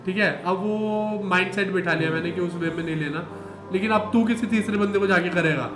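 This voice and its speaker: A man who is a stand-up comedian, explaining things in a relaxed, matter-of-fact way in a casual podcast chat. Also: high voice, fairly quick, over music. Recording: echoey room.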